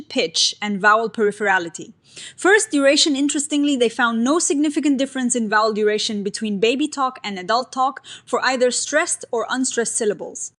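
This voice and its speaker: A woman with a somewhat high voice narrates a science explainer from a script. She lays out research findings in a clear, upbeat way and uses everyday comparisons to make ideas easy to follow. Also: fairly bright tone.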